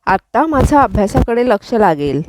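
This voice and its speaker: A woman voicing a lively, apologetic young woman who is a student, in a retold serial scene. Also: fairly high pitch, normal speed, background noise. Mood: pleading. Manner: pleading, then cheerful. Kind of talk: recounted serial dialogue.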